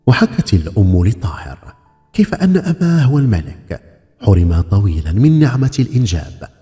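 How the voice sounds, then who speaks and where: A man telling a scripted folk tale as a storyteller, with an expressive, theatrical delivery. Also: on the low side, a little fast. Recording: long hall reverb with music behind. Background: music.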